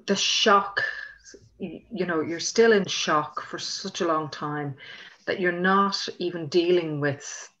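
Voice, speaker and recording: A woman on an online bereavement panel, speaking earnestly and gently. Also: on the low side, takes it slowly, dull audio.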